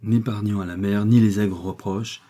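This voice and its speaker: A man narrates a novel in a measured, steady audiobook reading. His voice is fairly low, dark and mellow in tone, with a husky edge. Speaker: audiobook reader.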